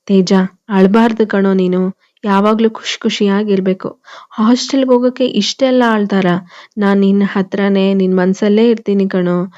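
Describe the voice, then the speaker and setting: A woman voicing a gentle mother comforting her son in whispers, in a storybook reading. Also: mid-range voice, fairly even intonation, moderate pace, muffled recording, close to an everyday voice. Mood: tender. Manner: whispered, tender.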